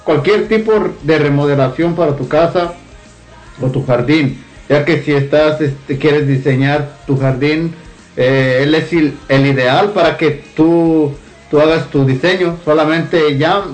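A man's voice: a little high, low-quality recording. A man hosting a radio show, reading an ad hesitantly at an uneven pace. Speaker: radio host. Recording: faint music behind.

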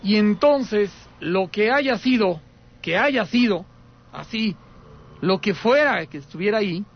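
Guy on the radio spinning a spooky tale, kinda high voice, dull lo-fi sound. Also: lively intonation, measured pace, husky. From Aguascalientes, Mexico. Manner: dramatic storyteller, repeats key points, speaks to listeners directly. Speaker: radio host taking calls. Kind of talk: telling a paranormal story on radio.

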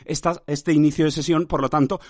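A man's voice: on the high side, steady tone, brisk, darkish tone, no echo, studio quality. A man from hosting an absurd improvised monologue, speaking theatrically and emphatically and tagging phrases with "¿eh?", as if he were directing himself. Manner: addresses himself by name like a stern director. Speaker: host.

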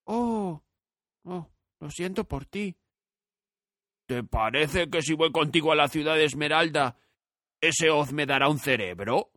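A curious, kind little girl with a soft, wondering voice, as a male narrator puts her on. Her pitch sits well above the reader's own and moves a lot. The sound is dry and close to the mic. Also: animated, measured pace, long pauses, no room sound. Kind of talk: audiobook character voice.

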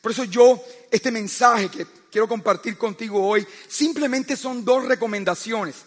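A man's voice: extremely high pitch, moderate pace, long reverb tail. A man preaching a sermon who tells stories and keeps asking his listeners "¿sabes qué?", often stammering and restarting his sentences.

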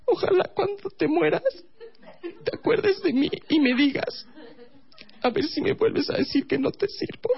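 Girlfriend bit: sulky young woman, high squeal, done by a man, lo-fi sound. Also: animated, unhurried, pauses often, exaggerated voice. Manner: squealing falsetto, petulant.

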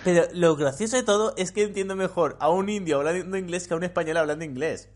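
Spanish guy hosting a podcast, frank chatty talk, kinda higher voice, swears a lot. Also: fast talker. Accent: Spain. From Spain. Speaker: podcast host. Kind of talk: casual podcast chat.

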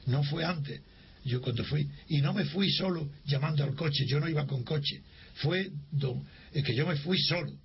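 In a fairly high voice at a moderate pace, an older Spanish man relates a personal memory during an interview. He animates the story by voicing its dialogue and frequently restarts. The recording is lo-fi, dull and faintly hissy.

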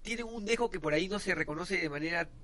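A man co-hosting a casual podcast debate, opinionated and chatty, often pausing on "eh". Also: high-pitched, fairly bright tone. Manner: chatty, opinionated, frequent "eh" fillers. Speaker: podcast co-host.

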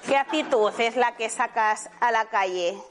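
High-voiced woman leading a workshop. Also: unhurried. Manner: lively, chatty, asks the audience many questions. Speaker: laughter therapy workshop leader. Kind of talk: live workshop talk to an audience. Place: room with a live audience.

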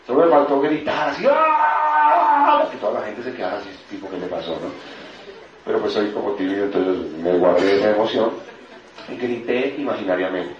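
A man's voice: on the low side, slight background noise. Man, seminar speaker in echoey hall. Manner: storytelling, animated, addresses audience. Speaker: motivational speaker. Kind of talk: motivational seminar talk. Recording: echoey hall, distant dull mic.

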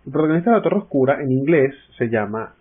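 A man's voice: mid-range voice, lively intonation, fast, husky. A man co-hosting a casual podcast, explaining things at length with many restarts. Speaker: podcast co-host. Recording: tinny online call audio.

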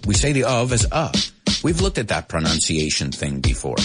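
Man, radio host, energetic English teacher, lively swinging pitch, faint music behind. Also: normal speed. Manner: energetic, reads listener chat messages aloud and explains phrases.

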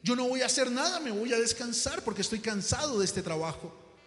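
A preacher voicing a tired, irritable family man who pleads loudly. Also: extremely high pitch, expressive, moderate pace. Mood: irritated. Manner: whiny, loud, pleading. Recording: echoey hall with faint music.

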